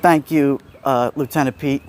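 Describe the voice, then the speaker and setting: A man's voice: medium pitch, steady tone, normal speed. A middle-aged man with an Italian-American Brooklyn accent, chatting casually to viewers as he livestreams a walk outdoors. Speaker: livestream host. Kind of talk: casual walking livestream chat, replying to viewers. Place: outdoors walking on a city street. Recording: outdoor street noise. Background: street ambience, passing vehicles.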